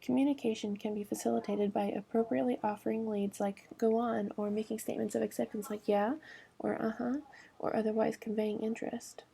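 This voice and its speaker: Husky, gravelly woman reading a nursing lecture. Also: a little high, quick pace, few pauses. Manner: steady reading with fillers, often sinks to a near-whisper. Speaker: nursing instructor.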